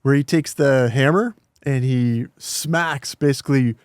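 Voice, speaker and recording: A man's voice: mid-range voice, a little slow, smooth, dry recording, studio quality. A man co-hosting a casual film discussion in a conversational way. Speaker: podcast co-host.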